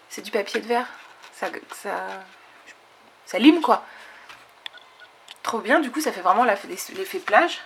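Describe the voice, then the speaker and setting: A scrapbooking channel host eagerly shows off craft mail in a casual show-and-tell with her viewers, chatting enthusiastically with plenty of fillers and "hop". Her medium-pitched voice has vocal fry and a slightly bright tone, with a little hiss or hum in the recording.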